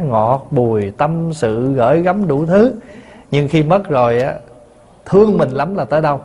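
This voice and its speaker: Monk giving a dharma talk. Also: male voice, on the high side, darkish tone. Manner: storytelling, asks the listeners questions, chuckles. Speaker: Buddhist monk teacher.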